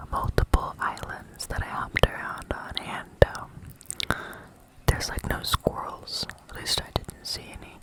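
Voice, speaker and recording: An ASMR vlogger chatting in a soft unvoiced whisper, rambling with many fillers and eating between remarks. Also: low-quality recording. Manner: chewing and eating sounds between talk.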